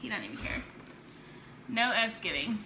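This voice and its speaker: A woman's voice: medium pitch, animated, normal speed, background noise. A woman hosting a casual craft live stream at home, chatting with viewers and joking and laughing a lot. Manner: joking, teasing, laughs often. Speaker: live-stream host demonstrating chalk crafts.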